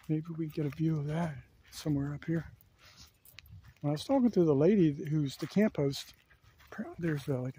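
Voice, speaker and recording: With a mellow, fairly high voice carrying a breathy edge, a man narrates his casual stroll around a campground. He films outdoors on a handheld camera and thinks aloud, leaning on lots of fillers.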